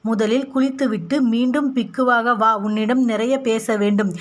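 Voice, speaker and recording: A woman's voice: fairly high pitch, steady tone, normal speed, close to an everyday voice. A woman voicing a stern elderly male Buddhist monk who gives commands and scolds in a story reading.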